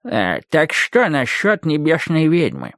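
A man's voice: a little high, huge pitch swings, slow, no room sound, studio quality, pitched above the performer's own voice, heavily acted. A man doing a pestering, curious ghost lad. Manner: pestering questions. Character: curious, nagging young ghost boy.

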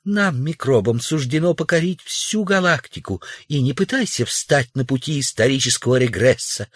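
A man's voice: fairly high pitch, a bit bright, no room sound, studio quality. A man voicing a collective of alien microbes who speak pompously and solemnly declare their conquest.

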